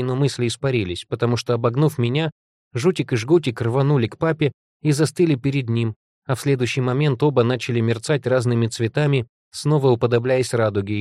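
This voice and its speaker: A man reading a first-person fantasy novel aloud, with steady, even narration. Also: mid-range voice, dry recording, clean studio sound. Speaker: audiobook reader. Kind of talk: scripted narration.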